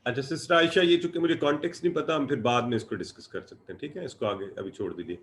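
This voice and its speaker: Male grammar teacher, patient explainer, chants conjugation lists in a steady, even voice. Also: medium pitch. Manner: explains patiently, drilling verb forms in slow repeated lists. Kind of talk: online class lecture.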